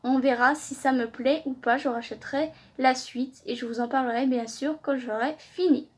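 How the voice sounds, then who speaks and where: A woman chatting excitedly on a casual unboxing vlog, often exclaiming and repeating herself. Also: high-pitched, moderate pace, breathy edge. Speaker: vlogger.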